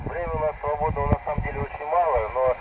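Man over a radio link, cosmonaut, unhurried, hesitant fillers, muffled distant sound, loud static. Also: fairly high pitch, steady tone. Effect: heard over a radio link. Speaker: cosmonaut answering questions. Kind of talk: question-and-answer session over a radio link.

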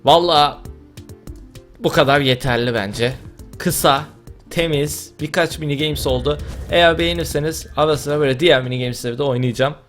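A man with a Turkish accent giving casual gameplay commentary, joking and boasting, breaking into loud yells at his teammates. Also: a little high, normal speed, faint music behind. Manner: excitable, yells and shouts at teammates in bursts. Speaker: gaming YouTuber.

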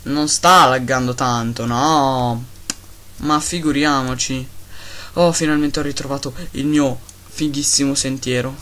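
A man giving casual, excitable gameplay commentary, talking to his pets and grumbling at lag. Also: mid-range voice, measured pace. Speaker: Minecraft let's-player.

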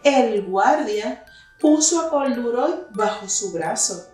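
Here a teacher reads a children's picture book slowly and expressively, her voice fairly high, a little mellow, and lively in intonation. The mic is distant, the room is very echoey and holds a wooden cabinet and plants, and faint music can be heard.

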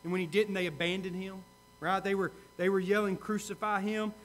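A male pastor preaching a sermon, earnest, repeating key questions and swinging from loud to hushed. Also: high-pitched, steady tone, fairly quick, a little hiss or hum.

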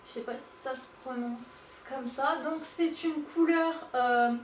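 A woman giving a casual makeup swatch demo, halting with many fillers and gushing over the colors. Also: high voice. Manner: hesitant, lots of fillers, gushing. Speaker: beauty vlogger. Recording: echoey room, mic at a distance, faint hiss.

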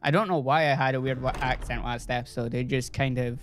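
A man's voice: mid-range voice, fairly even intonation, brisk, slight background noise. A man casually commentating his game playthrough, rambling and joking with his viewers. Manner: rambling, chatty, jokey, talks to his viewers. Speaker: gaming YouTuber. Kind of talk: casual let's-play commentary.

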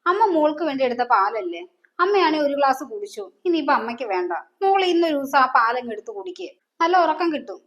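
A woman's voice: high-pitched, lively intonation, quick pace, a bit bright. An actress playing a scheming widowed mother who talks curtly and dismissively. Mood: coaxing. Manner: curt, dismissive, scolding. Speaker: actor. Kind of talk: family drama acting. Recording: dull lo-fi sound.

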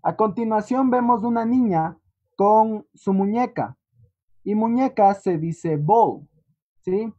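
An English teacher with a medium-pitched, dark-toned voice conducts an online lesson slowly, checking in with a questioning "¿sí?" along the way. The sound is muffled and lo-fi, picked up by a computer mic.

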